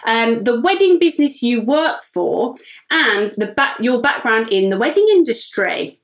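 A woman's voice: a little high, big pitch swings, measured pace. A British-accented woman hosting a podcast, moving from scripted introduction to interview questions in an upbeat, encouraging way. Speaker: podcast host.

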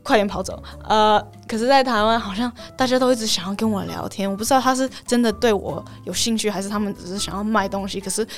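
Brief: young woman from Canada, podcast guest, casual and animated, acts out quotes, laughs easily. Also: medium pitch, fast, few pauses. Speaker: podcast guest, graduate student. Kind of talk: casual chat.

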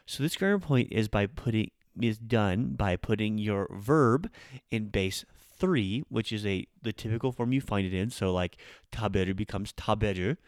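A man's voice: lowish voice, moderate pace, dry recording, studio quality. A man hosting a casual, chatty language lesson as a podcast teacher, with rolled R's when he speaks Japanese. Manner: informal, chatty, explains with acted-out examples. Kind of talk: casual spoken grammar lesson.

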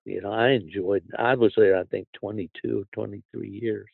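A man's voice: on the low side, fairly even intonation, normal speed, vocal fry, slightly rough, no room sound, narrow, tinny audio. An older man hosts a casual outdoors podcast in a folksy, plain-spoken way. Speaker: podcast host.

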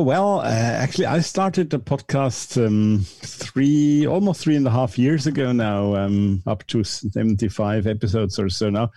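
A mature man answering interview questions in a measured, carefully qualified, conversational way. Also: fairly low pitch, mellow, no room sound. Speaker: podcast guest, esotericism podcaster.

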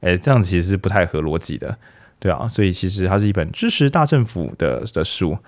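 A man's voice: low voice, lively intonation, fast talker, darkish tone. A man hosting a casual book talk, chatty and joking, firing off rhetorical questions. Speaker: podcast host of a book talk.

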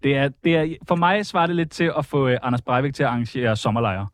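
A man's voice: medium pitch, lively intonation. A man co-hosting a podcast, chipping in with wry, teasing remarks and questions. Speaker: podcast co-host. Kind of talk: casual comedic chat.

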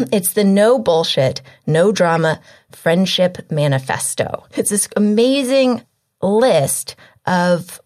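A woman in her thirties hosting a parenting podcast, chatty and informal with plenty of filler words, her voice a bit hoarse. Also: medium pitch, lively intonation, takes it slowly, a little mellow. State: slightly hoarse, losing her voice. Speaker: podcast host. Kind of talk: casual podcast chat and interview.

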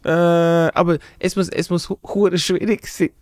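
A man's voice: high-pitched, measured pace, dry recording, clean studio sound. A young man speaking with a Swiss German accent, a comedian animatedly telling anecdotes and acting out the voices in them. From Congo. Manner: animated, acts out voices in anecdotes, laughs often. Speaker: comedian podcast host. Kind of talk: casual chat, storytelling.

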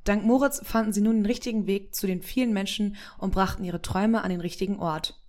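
A woman narrating a Christmas story aloud in an even, gentle manner. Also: mid-range voice, a little fast.

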